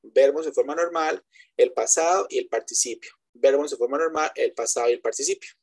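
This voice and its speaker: A man's voice: mid-range voice, a little fast, darkish tone, slightly rough. A man teaching English in a web class, explaining step by step in Spanish and checking often that students follow. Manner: switches between Spanish explanation and English examples. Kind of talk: online class lecture. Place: web conference.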